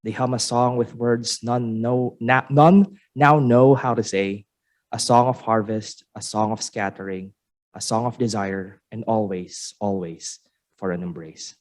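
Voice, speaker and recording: Man, spoken-word poet, measured lyrical delivery, lowish voice, open mic. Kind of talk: spoken-word poetry reading. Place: university exhibition room with seated audience.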